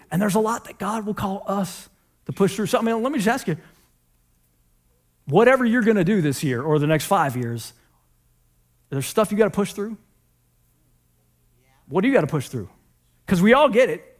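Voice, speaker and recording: A man's voice: high voice, expressive, normal speed, long pauses. A male pastor giving a sermon in a casual, conversational way, retelling stories and asking the audience questions.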